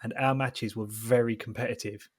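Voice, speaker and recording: Man, casual podcast chat, mid pitch, dry recording. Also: steady tone, moderate pace, slightly rough, dry recording. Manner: chatty, laughs often. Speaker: podcast co-host.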